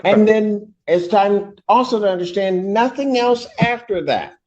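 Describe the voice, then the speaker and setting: A male judge with a high voice speaks slowly and deliberately, weighing his words. He lays out what he knows in plain terms. The sound is a dull, lo-fi courtroom recording. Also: a little mellow. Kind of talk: questioning counsel at a hearing.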